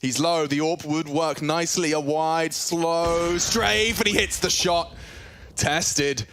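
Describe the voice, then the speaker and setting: A man's voice: on the high side, steady tone, slow pace, fairly bright tone. A man giving live esports commentary as a play-by-play caster, in clipped running phrases.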